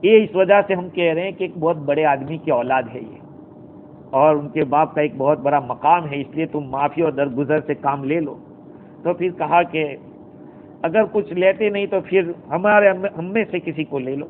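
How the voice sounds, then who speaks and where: High-voiced man explaining scripture, tinny sound. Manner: explanatory storytelling, quoting Arabic verses then explaining. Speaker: Islamic scholar giving Quran commentary. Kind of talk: Quran exegesis lecture. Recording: tinny phone-like recording with faint noise.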